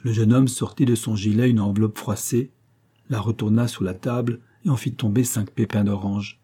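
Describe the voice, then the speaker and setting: A man narrating an audiobook in a measured, even way. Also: on the low side, breathy edge. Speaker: audiobook reader. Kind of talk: scripted narration.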